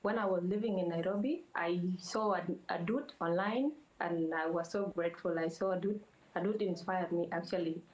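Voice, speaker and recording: A young woman from South Sudan, a model, answering interview questions in plain, earnest, halting phrasing. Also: lowish voice, a little mellow, lo-fi sound. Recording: roomy echo.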